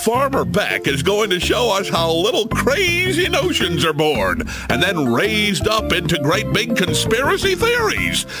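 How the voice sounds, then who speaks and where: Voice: mid-range voice, huge pitch swings, measured pace, hardly any pauses, over loud music. A narrator in a comic radio sketch, talking like a cheerful children's-show teacher. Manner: sing-song, teacherly, mock-cheerful.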